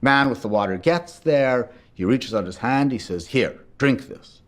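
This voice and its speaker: Animated man telling a story. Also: mid-range voice, normal speed. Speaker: interviewee. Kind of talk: documentary interview, storytelling.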